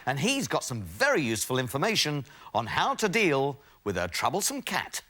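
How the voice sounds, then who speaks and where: A man's voice: mid-range voice, wildly swooping pitch, normal speed, pushed and bright. A man hosting a TV show, giving scripted comic links to a studio audience. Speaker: TV host. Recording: studio with audience and clear background noise.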